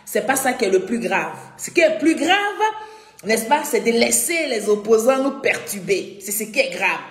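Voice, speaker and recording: Her pitch runs high and swings widely as she talks at a normal speed, warmly welcoming viewers to her live stream and now and then launching into chanted refrains. Faint music plays behind her in an echoey room.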